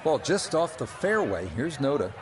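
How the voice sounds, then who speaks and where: A man commentating on golf as lead play-by-play announcer, calling shots and scores in a measured, unhurried way. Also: fairly high pitch, very animated. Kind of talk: golf broadcast commentary in a video game. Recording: music and crowd noise behind. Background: music, crowd.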